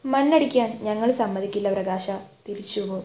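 A woman's voice: mid-range voice, brisk, darkish tone, roomy sound, a little hiss or hum, lightly acted. A woman voicing a stern, defiant older village man in a read-aloud story, speaking firmly. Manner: firm, warning.

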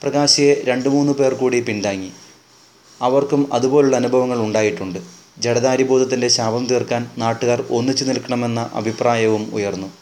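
Man reading a novel, steady and measured. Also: medium pitch. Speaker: narrator. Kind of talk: audiobook narration.

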